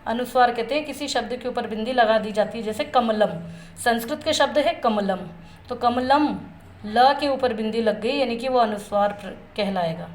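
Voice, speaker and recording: Woman teaching a class, reads out sounds one by one nice and slow, kinda high voice, echoey room. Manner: asks the class questions, then answers them herself; slow, careful recitation of each vowel sound. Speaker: Sanskrit teacher. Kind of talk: classroom-style video lesson. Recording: echoey room with faint background noise.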